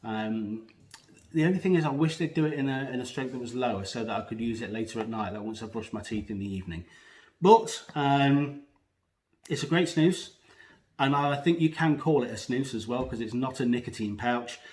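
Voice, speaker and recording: This man talks at a normal pace in a medium-pitched, somewhat dark voice, reviewing a product casually and without a script while a pouch sits under his lip. He hesitates, rambles and keeps self-correcting, and the room around him echoes.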